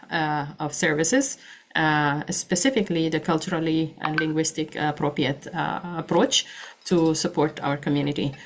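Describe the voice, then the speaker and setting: Woman presenting, voice going hoarse. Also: on the low side. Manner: halting, many "uh" fillers. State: losing her voice. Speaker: nonprofit founder and presenter. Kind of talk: webinar presentation. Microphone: video call.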